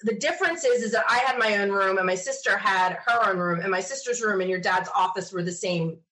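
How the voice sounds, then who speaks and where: Her mid-range voice moves fairly quickly as she shares casual stories in an interview, re-enacting bits of dialogue with animated quotes of herself and other people. The recording quality is low.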